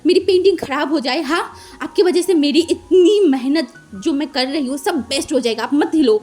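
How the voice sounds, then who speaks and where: A woman's voice: sits high, moderate pace, darkish tone, faint music behind, close to an everyday voice. A woman voicing a mischievous young man who playfully bosses and teases, in a whiny, playful manner. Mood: teasing.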